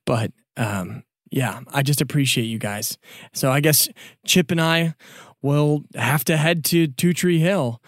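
A man's voice: fairly high pitch, a little slow, no room sound, studio quality. Man narrating a tabletop game. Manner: voices characters, laughs often. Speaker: game master.

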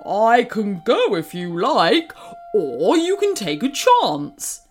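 A woman's voice: a little high, big pitch swings, takes it slowly, soft background music. Woman voicing a playful, friendly dragon. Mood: teasing. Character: friendly, teasing male dragon, big and calm.

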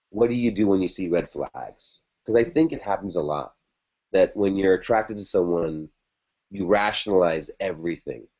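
A man's voice: on the low side, darkish tone, dull audio. A man, a podcast guest, telling a personal story in casual chat, with a lot of fillers and restarts. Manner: rambling, conversational, many fillers and restarts. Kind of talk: casual storytelling about a past relationship.

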